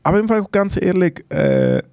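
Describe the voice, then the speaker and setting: A man's voice: high-pitched, huge pitch swings, normal speed, a little mellow, no echo. A man co-hosting a podcast, trading teasing, dry jokes in casual banter. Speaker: podcast co-host, comedian.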